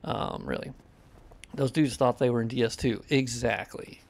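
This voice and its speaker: A young man with a creaky, nasal, medium-pitched voice chats casually at normal speed while he plays and mods a game on stream. He curses freely and reads chat questions aloud before answering them.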